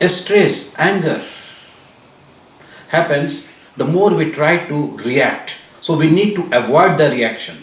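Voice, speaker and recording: A man's voice: a little high, lively intonation, slow pace. Echoey, distant man teaching mindfulness. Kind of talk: scripted promotional talk to viewers. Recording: echoey room, distant mic.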